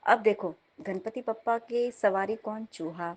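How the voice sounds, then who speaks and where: A young woman, telling of a dream as devotional testimony in a lively storytelling manner, often turning to her listeners. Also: mid-range voice, a little slow. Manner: animated storytelling, repeatedly addressing listeners. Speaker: devotee sharing a dream at satsang.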